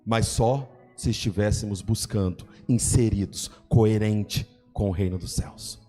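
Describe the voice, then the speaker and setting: A man preaching a sermon as pastor, building fervently into shouts. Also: on the low side, unhurried, faint music behind.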